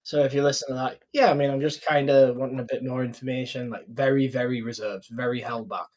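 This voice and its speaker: Fast and a little mellow, this mid-range male voice stays fairly even in intonation. The speaker, a man from the UK, reviews an old call of his as a sales closer, chatting loosely about technique. Slang runs through it, and "like" and "mate" keep cropping up.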